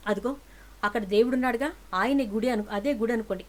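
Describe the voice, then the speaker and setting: A woman's voice: on the high side, fast, close to an everyday voice. A woman voicing a decisive older woman who takes charge and arranges a wedding on the spot. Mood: commanding. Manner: commanding, reassuring.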